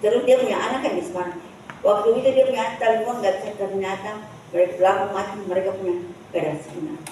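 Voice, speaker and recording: A woman gives a personal testimony at a church service, speaking in a halting, repetitive way, recorded from a distance. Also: mid-range voice, fairly even intonation, a little mellow. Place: church hall. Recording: echoey church hall from far off, faint noise.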